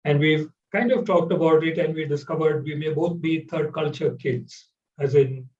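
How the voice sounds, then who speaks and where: A man hosts an interview, speaking in a measured way with frequent pauses and fillers. His slightly high voice sounds distant and roomy. The audio is dull, like a video call. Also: fairly even intonation, a little mellow. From India. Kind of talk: conversational interview.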